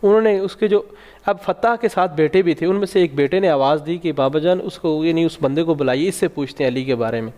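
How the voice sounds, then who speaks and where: A man tells a religious tale in a high, ringing voice, lifting his pitch on the key moments. His words trail into a long hall reverb. He sounds like a studio preacher setting out a story for viewers. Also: darkish tone. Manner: emphatic, rising for key points. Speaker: religious speaker on a Ramzan show. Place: TV studio set.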